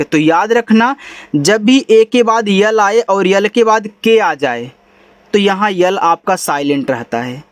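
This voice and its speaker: In a friendly, easygoing English lesson, a high-pitched man patiently goes over spelling and pronunciation, dropping words like bhai and yaar. The recording has no room sound.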